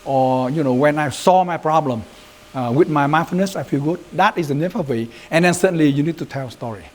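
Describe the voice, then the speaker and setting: A man's voice: fairly high pitch, brisk. A man with a Vietnamese accent giving an informal training lecture as a Buddhist youth leader, talking loosely and often checking in with "right?". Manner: loose and conversational, mixing in Vietnamese phrases, frequent "right?" check-ins.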